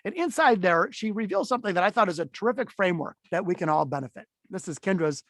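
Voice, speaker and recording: High-voiced, animated male speaker, dry sound. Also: fast, no echo. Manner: animated, swings voice up and down to demonstrate; conversational with frequent fillers and restarts. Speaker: keynote speaker teaching a webinar. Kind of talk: webinar teaching talk.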